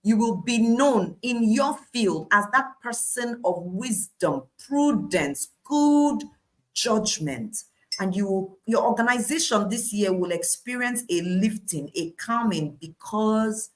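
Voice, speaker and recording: A woman's voice: medium pitch, expressive, slow. Emphatic Nigerian woman preaching. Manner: declarative, emphatic, repeating phrases for weight. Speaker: preacher, Bible study host. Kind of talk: devotional sermon and Bible study.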